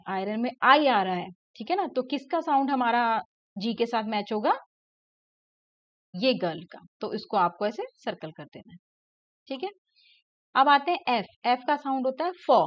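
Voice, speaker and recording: A woman's voice: a little high, dry recording. A woman teacher patiently explaining a first-grade English lesson, repeating letter sounds and words, mixing Hindi explanation with English words. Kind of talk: explaining a textbook lesson to young pupils. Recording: slightly dull lo-fi recording.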